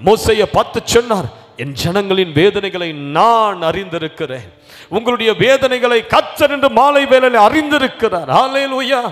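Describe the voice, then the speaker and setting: Male pastor, high voice, hushed to shouting sermon, reverberant hall with music bed. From India. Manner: swings from hushed storytelling to loud shouting exhortation. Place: large hall at an evening service.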